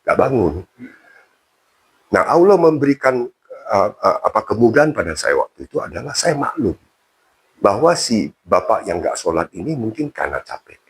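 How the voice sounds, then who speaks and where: A middle-aged man recounts his own story in a relaxed interview. His voice sits low with a husky edge. He swings his pitch widely whenever he acts out the people in the story. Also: moderate pace. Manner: animated, acts out quoted dialogue with big pitch jumps. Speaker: convert telling his story.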